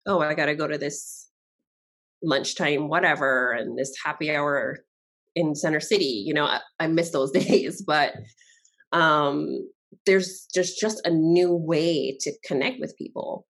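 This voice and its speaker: A woman's voice: sits low, measured pace. A woman from Barbados, a guest chatting casually in an interview and laughing often.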